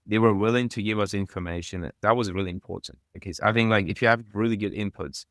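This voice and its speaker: A man's voice: on the low side, fast, a bit bright, dry recording, studio quality. A middle-aged man from Kazakhstan, a podcast guest telling his career story in a loose, rambling way full of "like". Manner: rambling, heavy use of "like". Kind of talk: casual interview talk.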